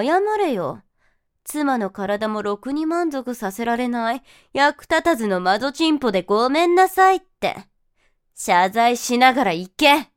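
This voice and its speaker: A woman's voice: fairly high pitch, dry recording, clean studio sound. A woman voicing a domineering, motherly figure in an audio role-play, who flips between sweet coddling and cold scorn. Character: teasing domineering motherly woman, mocking then soothing.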